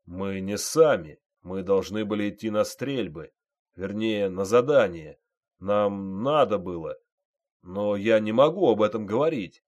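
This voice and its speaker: Scared drugged young soldier, voiced by a man, loud strained replies, slow, low-pitched. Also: expressive. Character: young male private, scared, drugged and confused.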